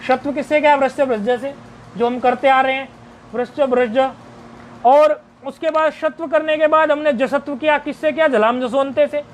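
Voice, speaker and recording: A man teaching Sanskrit grammar in a recorded video lesson, explaining step by step, asking and answering his own questions, and reciting word forms slowly in a list. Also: extremely high pitch, fairly even intonation, slight background noise.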